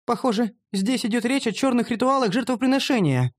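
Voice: mid-range voice, expressive, normal speed, darkish tone, pitched above the performer's own voice, lightly acted. A narrator voicing a timid, earnest young female gnome who explains things carefully. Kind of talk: audiobook character voice.

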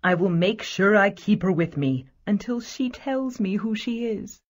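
A woman voicing an earnest, lovestruck young prince in a children's storybook reading, lowering her voice for him, on a slightly dull recording. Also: unhurried, lightly acted. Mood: determined.

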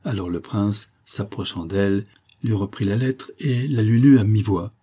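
A man narrating an audiobook of a classic novel in a measured, literary way. His voice is low, dark and mellow, with a husky grain.

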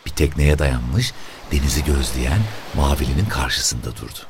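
Deep-voiced male audiobook narrator, measured reading, faint background hiss. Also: gravelly. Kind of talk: scripted narration.

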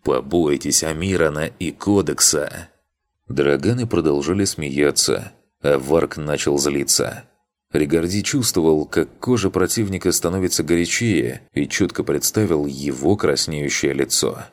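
Очень низкий мужской голос читает книгу. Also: male voice, rumbling low. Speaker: audiobook narrator. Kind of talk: scripted audiobook narration.

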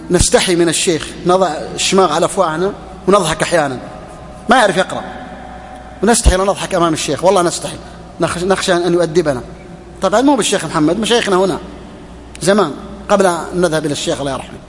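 A man's voice: high voice, fast talker, long pauses, big-room sound, a little hiss or hum. A middle-aged man giving a religious lesson, exhorting with rhetorical questions and repeated phrases. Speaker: sheikh teaching hadith.

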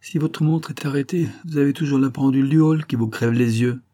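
A man reading aloud voicing an irritable, bossy woman in a shrill, scolding manner. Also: brisk, warm tone, breathy edge, no room sound.

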